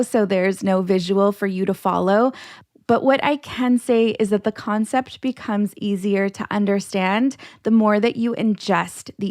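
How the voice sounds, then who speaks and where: In a clean, dry studio recording with no room sound, a woman with a mid-range, darkish voice hosts an educational podcast. As a financial educator, she speaks directly to listeners, walking through terms step by step.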